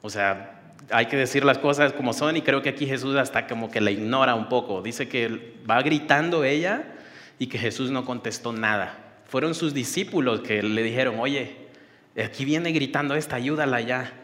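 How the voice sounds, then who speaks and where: A man's voice: medium pitch, normal speed, fairly bright tone. A male pastor giving a sermon, earnest and conversational, leading a spoken prayer and retelling a story with casual asides. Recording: long hall reverb.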